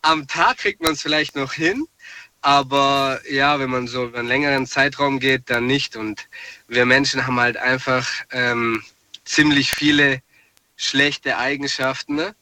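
A man's voice: mid-range voice, steady tone, measured pace, bright, forceful tone. A man from southwest Germany calling in to a radio show over the phone, thoughtful and hesitant. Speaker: caller. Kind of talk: call-in radio chat. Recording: distant phone line with hiss.

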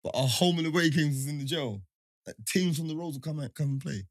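A man's voice: a little high, fast, no echo, clean studio sound. A man with a London roadman accent telling stories in casual podcast banter, heavy on street slang and tag questions. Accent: London, urban roadman street slang. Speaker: podcast host. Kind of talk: casual chat, storytelling banter.

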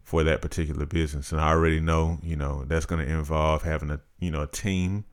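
A man in his thirties co-hosting a podcast, talking in a measured, reflective, casual way. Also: very deep voice, little pitch movement. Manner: measured, reflective, practical-minded. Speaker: podcast co-host. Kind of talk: casual chat.

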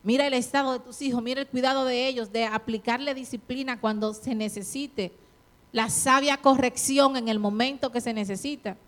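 A middle-aged woman preaches a sermon in a high voice, spurring her listeners on and putting questions straight to them. Now and then she performs other people's quoted words. Her tone stays steady and a bit bright, at a normal speed.

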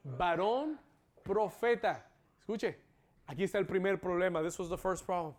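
High-voiced man preaching a fervent sermon. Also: expressive, measured pace. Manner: preaching, builds to exclamations and call-outs. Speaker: pastor. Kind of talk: bilingual sermon with English echoes. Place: church service.

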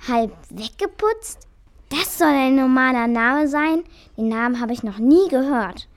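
A woman's voice: sits high, expressive, a little slow, a little hiss or hum. A woman voicing a naive, trusting little female mouse who asks eager, puzzled questions. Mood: puzzled, curious.

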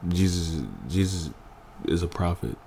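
A man's voice: low voice, a little slow, warm tone, a little hiss or hum. A man, a podcast guest, talking earnestly and emphatically, stressing points by repeating phrases, still emotional after crying. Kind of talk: emotional candid conversation.

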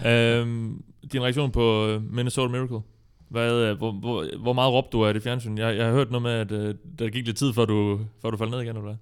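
Male interviewer, clear smooth voice, brief questions, lots of "yes, yes". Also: mid-range voice, little pitch movement. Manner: short questions and frequent agreeing interjections.

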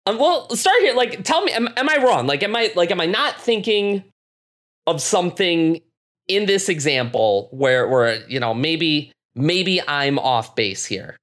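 A man co-hosting a casual podcast, talking in animated rants with frequent restarts. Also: a little high, a little slow. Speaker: podcast co-host.

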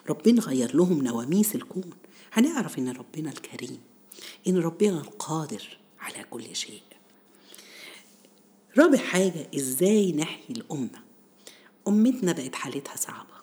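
A woman with an Egyptian accent hosts a religious storytelling series in a conversational style. Her voice sits low, with a mellow, dark tone. She teaches as she goes, addressing listeners directly and posing rhetorical questions. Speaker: storyteller and host of a Ramadan series on Quran stories.

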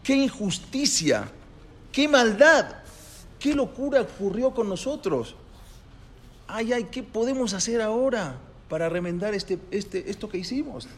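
A man's voice: high-pitched, animated, moderate pace, gravelly, few pauses, darkish tone, breathy edge, in a large hall, pitched above the performer's own voice, full character voice. A man voicing a distraught rabbi who cries out in anguish. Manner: anguished crying out. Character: distraught rabbi lamenting a wrong.

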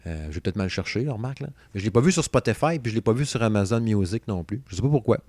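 A man in his thirties from Saguenay, Quebec, with a Québécois French accent co-hosts a casual chat podcast, joking about old songs. His lowish voice comes rapid-fire with no room sound, and he's animated, cracking jokes and humming song snippets.

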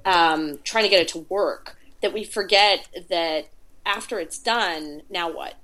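Chatty low-voiced woman, podcast guest. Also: unhurried, bright, forceful tone. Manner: chatty storyteller, lots of filler words. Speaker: podcast guest, indie game PR producer. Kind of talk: casual interview talk.

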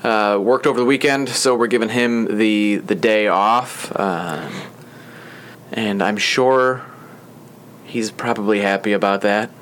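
A man's voice: lowish voice, measured pace, fairly bright tone, slight background noise. A young man hosting a podcast in a small studio, chatting casually and rambling with lots of fillers. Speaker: podcast host. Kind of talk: casual chat.

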